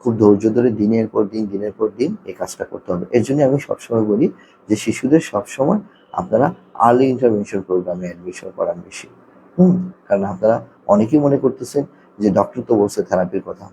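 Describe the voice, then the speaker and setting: A man, an occupational therapist, explaining a topic to parents, repeating his points, often checking in with listeners, and sounding out letters slowly. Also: fairly low pitch, animated, warm tone, slight background noise, rough recording.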